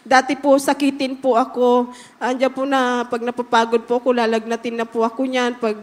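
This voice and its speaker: A fervent woman gives her testimony in a church hall, her high, fairly even voice ringing with a long reverb. She keeps breaking into hallelujahs as she thanks God before the congregation. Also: normal speed. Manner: fervent, often calling out hallelujah. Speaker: church member giving testimony.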